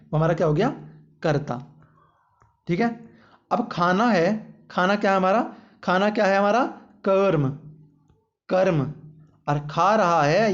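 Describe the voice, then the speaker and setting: Up guy teaching grammar, fairly high voice, keeps saying theek hai, bit muffled lo-fi audio. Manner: repeats "ठीक है" and quizzes the listener with "हमारा क्या है"; jokey, uses playful baby-talk examples. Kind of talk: exam-prep grammar lesson. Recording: dull lo-fi audio.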